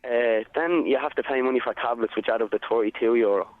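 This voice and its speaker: A man's voice: mid-range voice, quick pace, dry recording, narrow, tinny audio. A man with a Dublin accent calling in to a radio phone-in, telling his story in a blunt, sweary, rambling way. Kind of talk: casual confessional chat.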